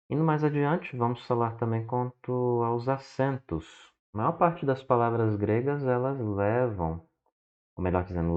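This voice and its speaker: A man teaching from slides who explains slowly, checks in with "né?" and spells words out one syllable at a time. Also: mid-range voice, a little mellow. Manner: explains slowly and often adds "né?". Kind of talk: slide lesson. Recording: dull lo-fi recording.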